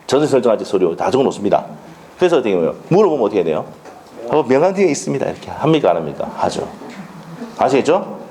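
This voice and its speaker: Gyeongsang guy teaching a law class, bouncy up and down pitch, keeps asking "right?" and tossing out quick blunt questions. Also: sing-song, mellow. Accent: Gyeongsang Korean. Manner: peppers talk with rhetorical questions and checks; blunt, colloquial banter. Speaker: law lecturer. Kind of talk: classroom lecture.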